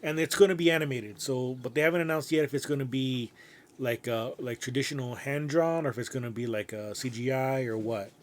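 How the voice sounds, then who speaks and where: A man co-hosting a casual podcast, his talk loose and eager. He fills every sentence with "like" and "dude" and swears without a second thought, sitting in mid pitch for a man. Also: fairly quick. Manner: loose and excitable, heavy on "like" and "dude"; swears freely. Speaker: podcast co-host. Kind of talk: casual chat.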